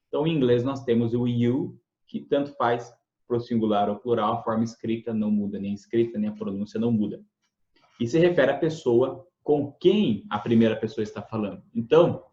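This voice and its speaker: A man's voice: medium pitch, a little mellow. Man explaining grammar, roomy dull sound. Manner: conversational, many fillers and restarts, asks checking questions. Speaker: English teacher. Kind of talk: explanatory lesson.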